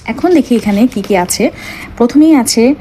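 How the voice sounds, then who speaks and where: A woman's voice: on the high side, lively intonation, warm tone, a little hiss or hum. Patient Bengali woman teaching children. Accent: Bangladeshi Bengali. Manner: patient, explaining step by step, slows to spell out words. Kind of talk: primary school lesson walkthrough.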